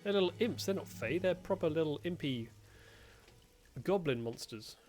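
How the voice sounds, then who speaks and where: A man's voice: fairly high pitch, expressive, normal speed, a little mellow. A man, a gaming streamer, chatting playfully and sarcastically while he plays a strategy game. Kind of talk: let's-play commentary. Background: faint game music.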